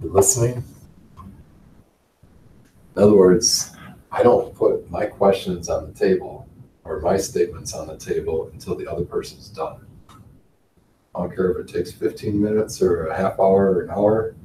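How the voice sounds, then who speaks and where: A man teaching a business class in a relaxed way, often chuckling and repeating words. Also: low-pitched. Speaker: instructor. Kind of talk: classroom lecture. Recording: roomy, from far off, faint noise.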